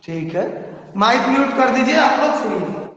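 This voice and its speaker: Male science teacher, high voice, slow steady explaining, distorted clipping audio, roomy and distant. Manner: slow, explains step by step and checks with "okay?". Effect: distorted, breaking-up audio. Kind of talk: online class explanation. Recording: distorted, echoey, distant, dull online-class audio.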